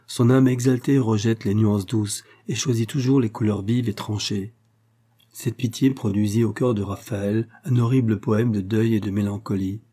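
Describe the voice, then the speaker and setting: A man narrating a classic novel as an audiobook in a measured, even way. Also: fairly low pitch. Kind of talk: scripted literary narration.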